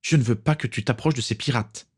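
A man's voice: mid-range voice, fairly quick, breathy edge, pitched above the performer's own voice, lightly acted. A man voicing a protective, hotheaded teenage boy in a storybook reading. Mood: defiant. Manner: defiant, shouting orders.

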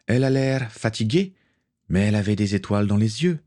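A man voicing a young woman on a ship's crew, gentle and reassuring in an audiobook reading. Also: lowish voice, animated, fairly quick, natural voice. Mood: fond. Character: young woman, caring and cheerful crew member.

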